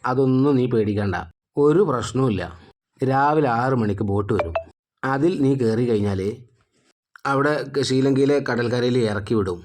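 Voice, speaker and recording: A man's voice: mid-range voice, normal speed, a little mellow, lightly acted. A man voicing a crafty adult male accomplice from a TV serial, read matter-of-factly. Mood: conspiring.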